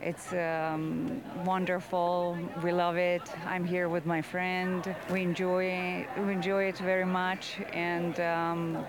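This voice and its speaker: A woman's voice: on the low side, little pitch movement, slow pace, hardly any pauses, crowd noise. Hesitant woman fan from Serbia. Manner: hesitant, with many fillers. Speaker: fan being interviewed. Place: outdoors at a busy tennis venue.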